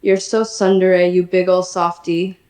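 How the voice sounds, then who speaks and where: A synthetic text-to-speech woman's voice playing a sassy, energetic female poodle chatbot, chatty and teasing. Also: fairly low pitch, a little slow, echoey room. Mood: playful.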